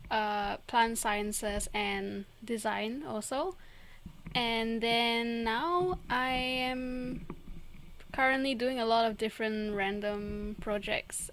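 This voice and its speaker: A young woman from Singapore co-hosts a podcast, her fairly high, fairly bright voice carrying a faint hiss or hum in the background. The chat is casual; she giggles a lot, is very talkative, and tends to trail off and start over.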